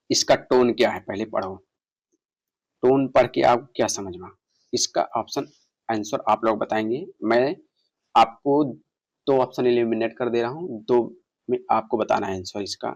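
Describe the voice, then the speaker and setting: A man teaching an online exam-prep lesson, reading passage lines slowly and explaining them, asking his students questions. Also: mid-range voice, lo-fi sound. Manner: reads English passages slowly, explains in Hindi, quizzes viewers. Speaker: English exam tutor.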